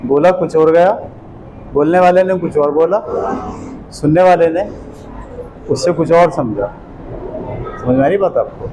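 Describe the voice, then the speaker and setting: A man's voice: on the high side, mellow, a little hiss or hum, rough recording. A man giving a classroom lecture, explaining words one by one and often checking that his listeners follow. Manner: explains terms step by step, checks for understanding.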